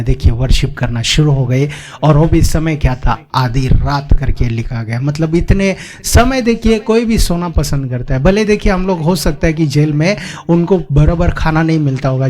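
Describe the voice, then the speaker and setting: Man preaching with a lively, swinging voice. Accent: Indian. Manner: repeats rhetorical questions, rises and falls in pitch for emphasis. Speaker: pastor. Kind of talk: sermon.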